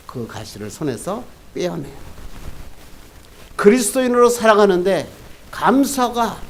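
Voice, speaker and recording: A man's voice: on the high side, darkish tone, slight background noise. A male pastor preaching a sermon, asking the congregation questions and answering them himself, building to emphatic peaks. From Korea.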